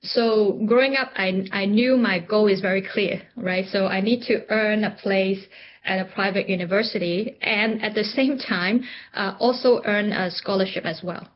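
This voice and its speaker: A middle-aged woman from Hong Kong answers interview questions with care, pausing on ums and restarting her sentences. The audio is a little dull, with a faint low hum underneath. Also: steady tone. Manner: thoughtful, frequent ums and restarts. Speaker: interview guest, entrepreneur. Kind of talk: reflective interview conversation.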